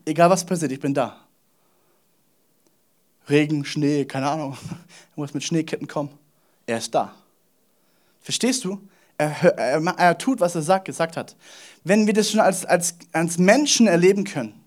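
A high-pitched pastor delivers a sermon, moving between loud emphasis and quiet asides. He often repeats words and speaks directly to the listener.

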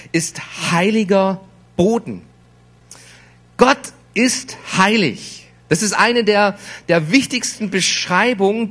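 A man preaching a sermon in a slow, emphatic way, repeating words for weight. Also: sits high, fairly bright tone.

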